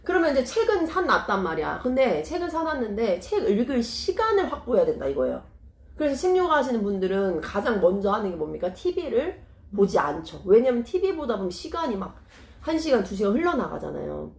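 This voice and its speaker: A woman's voice: fairly high pitch, big pitch swings, fairly quick, creaky, a little mellow. A middle-aged woman talks through parenting in a casual, earnest way and keeps asking rhetorical questions. Her voice rises and falls a lot. The room around her is echoey. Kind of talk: casual explanatory talk.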